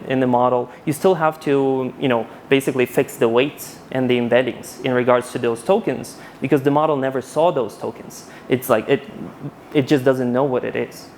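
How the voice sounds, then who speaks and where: Conference speaker, man in his 30s, casual and animated, handheld mic in a hall, faint noise. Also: mid-range voice. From Ukraine. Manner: animated, casual, many restarts. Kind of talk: conference talk with Q&A.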